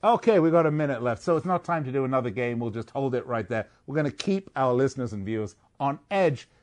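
Male betting-show host, mid pitch, joking, stat-heavy. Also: lively intonation, fast, darkish tone. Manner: jokey, rattles off stats. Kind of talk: casual sports betting talk.

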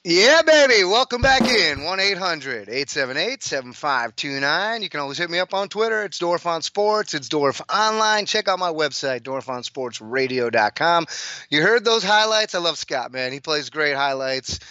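Man, sports radio host, bright forceful voice, emphatic slangy casual talk, dry close mic, slightly dull radio sound. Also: a little high, animated, moderate pace, no echo.

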